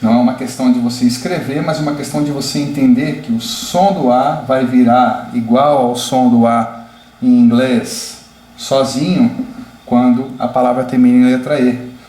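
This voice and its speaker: A man teaching pronunciation, explaining slowly and clearly with deliberate spoken examples. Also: medium pitch, steady tone, mellow. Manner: slow, deliberate, demonstrative. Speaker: English teacher. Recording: echoey room with faint background noise.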